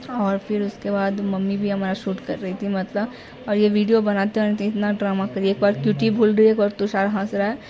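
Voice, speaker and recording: A woman's voice: mid-range voice, level tone, fairly quick, warm tone, highs cut off. A young woman vlogger chatting casually and rambling through a family story. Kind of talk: casual family vlog narration. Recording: faint background noise.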